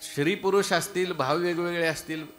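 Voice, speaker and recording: A man with a Marathi accent preaching a devotional kirtan sermon, telling stories and breaking into loud sung verses. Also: high-pitched, fairly even intonation, fairly quick. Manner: rises into loud sung chants, storytelling with dialogue.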